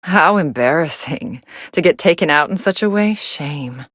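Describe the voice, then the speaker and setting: A woman playing a cool, sardonic young female android who commentates on fights in a video game, deadpan, dry and aloof. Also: low-pitched, a little slow, no echo, exaggerated voice. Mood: scornful, irritated.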